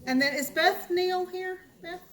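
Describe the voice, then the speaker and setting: High-voiced upbeat woman making announcements. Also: unhurried, fairly bright tone. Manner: upbeat and welcoming. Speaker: meeting organizer. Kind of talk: announcements at a club meeting.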